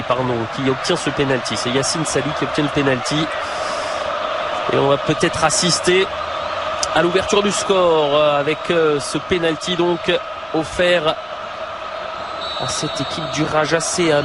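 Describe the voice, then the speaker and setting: A man giving excited live football commentary as lead commentator, exclaiming and shouting at goals and chances. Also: fairly high pitch. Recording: loud ambient noise behind the voice.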